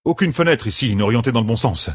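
A man doing a brisk, puzzled officer. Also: mid-range voice, lively intonation, slightly rough, no echo, studio quality, pitched above the performer's own voice.

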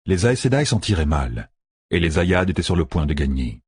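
A man narrating a story in a measured, dramatic way. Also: low-pitched, big pitch swings, a little mellow, breathy edge, no echo. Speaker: audiobook narrator. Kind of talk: scripted narration. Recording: dry close recording.

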